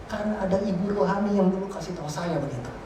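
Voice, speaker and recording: A man giving a lively, joking sermon testimony as guest preacher in a large church hall. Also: sits high, racing, noisy background. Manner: animated, joking, slangy. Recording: very echoey hall, voice from far off.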